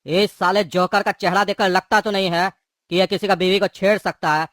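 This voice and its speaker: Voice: medium pitch, steady tone, fairly quick, fairly bright tone, no echo, clean studio sound, lightly acted. A performer voicing a menacing male thug prisoner who bullies and mocks his cellmates. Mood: mocking. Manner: bullying, mocking, threatening. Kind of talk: cartoon voice acting.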